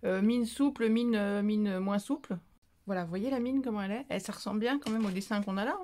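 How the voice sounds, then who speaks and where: A woman's voice: medium pitch, fairly quick, warm tone. A woman chatting casually in a craft haul vlog, rambling with fillers and making fun of herself. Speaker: craft vlogger.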